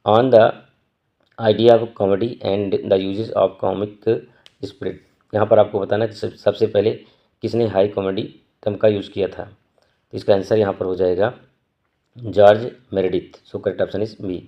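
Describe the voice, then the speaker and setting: Low gravelly guy w/ going through exam questions, slow and deliberate, dull lo-fi sound. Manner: reads English questions slowly, explains quickly in Hindi. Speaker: exam prep teacher. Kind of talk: quiz walkthrough lesson.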